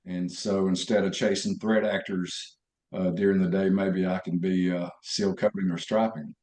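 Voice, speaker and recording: A man's voice: low-pitched, flat delivery, moderate pace, a little mellow. A man with a Southern accent from Alabama, casually introducing himself to a group. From Alabama, USA. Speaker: meeting participant introducing himself. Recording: roomy echo.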